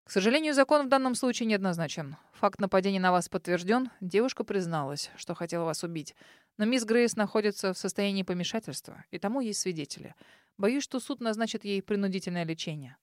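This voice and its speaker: Brief: female narrator as a reserved middle-aged policeman, even, official delivery. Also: mid-range voice, no room sound, clean studio sound, natural voice. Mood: formal. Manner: formal, measured.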